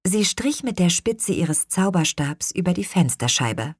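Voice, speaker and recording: Unhurried, expressive woman reading a children's story. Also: lowish voice, breathy edge, no room sound, clean studio sound. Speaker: audiobook reader. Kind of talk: scripted children's story narration.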